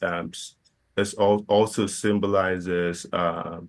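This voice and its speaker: Deep voiced young guy from ghana, lots of ums and restarts, chatting in an interview. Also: flat delivery, takes it slowly. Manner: hesitant, many fillers and restarts. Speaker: filmmaker guest. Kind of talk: casual interview.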